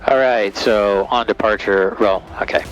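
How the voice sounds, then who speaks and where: A man's voice: lowish voice, steady tone, measured pace, faint music behind. A male pilot making clipped radio calls through his headset in a small plane's cockpit. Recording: engine drone in a noisy cockpit.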